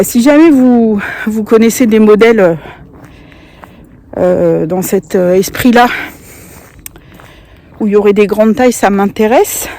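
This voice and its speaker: Strolling outdoors on a sunny day, a woman records a casual knitting vlog, hesitating a lot and filling pauses with fillers and little laughs. Her voice is mid-range and a little mellow, with slight background noise.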